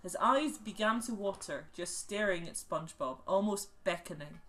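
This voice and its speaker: A man's voice: high voice, expressive, normal speed, pushed and bright. A man reading a bad horror story aloud in a mock-dramatic way, dragging out words and reading the punctuation. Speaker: reader of a creepy story.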